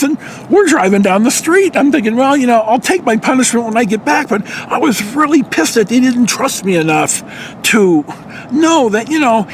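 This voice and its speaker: Talking to the camera, a very high-pitched American man in his early sixties shares a personal anecdote in a loose, rambling way, with plenty of salty language. He's a vlogger who tells personal stories, and faint background noise can be heard.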